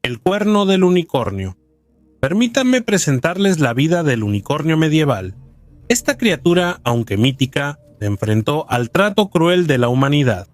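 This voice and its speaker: A man's voice: on the high side, very animated, moderate pace, no room sound. Man narrating a documentary, dry voice.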